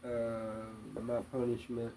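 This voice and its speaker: A man answering interview questions in a hesitant, plainspoken way, with many pauses and fillers. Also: medium pitch, monotone, creaky, dark tone, a little hiss or hum, low-quality recording. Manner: hesitant, many ums and uhs; plainspoken, religious. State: hiccups.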